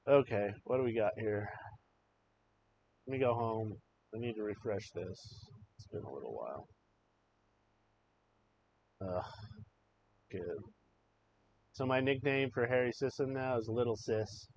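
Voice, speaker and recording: A man's voice: fairly low pitch, animated, a little slow, long pauses, darkish tone. A man hosting a live show, giving impassioned, emotional political commentary and swearing freely. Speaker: livestream show host. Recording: slightly dull audio with faint noise.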